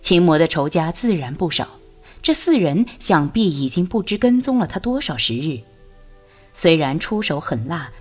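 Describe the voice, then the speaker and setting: A woman narrates a martial arts novel in an expressive storytelling manner. Her voice is low-set and breathy, and her intonation is lively and rises and falls freely. Faint music plays beneath her reading. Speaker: audiobook narrator.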